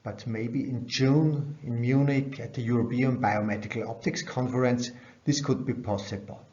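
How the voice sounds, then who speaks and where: At a conference, a middle-aged researcher talks through slides in a science lecture that comes across as dull. His medium-pitched voice is warm, with fairly even intonation at a normal speed. The sound is dull, band-limited webcam audio.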